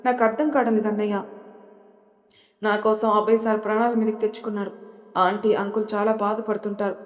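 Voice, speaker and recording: A woman's voice: medium pitch, little pitch movement, brisk, natural voice. A woman voicing a shy, earnest young woman in an audio story with a long reverb.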